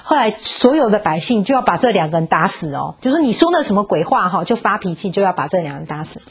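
A woman's voice: animated, quick pace, vocal fry, slightly rough. A woman giving a parenting talk, telling a Bible story and coaxing the audience with questions, slipping in English words. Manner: acts out quoted voices with rising pitch. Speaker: parenting speaker.

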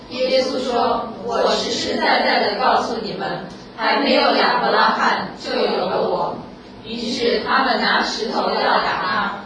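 A woman from the congregation reading scripture aloud, slow and measured. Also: a little high, noisy background. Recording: echoey hall from far off, crowd behind.

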